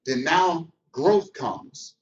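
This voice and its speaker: A man's voice: on the high side, very slow. A man giving a motivational business training talk, speaking colloquially and acting out scenes as he tells stories. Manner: colloquial storytelling, animated, acts out scenes. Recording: echoey room, distant, dull.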